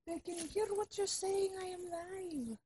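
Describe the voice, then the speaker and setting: In a comedy sketch, a woman plays a self-styled fake Russian spy, using broken English and a put-on Russian accent as she whispers conspiratorially and pleads with her mother on the phone in exasperation. Her voice is high and animated but slow, with a little hiss or hum in the audio.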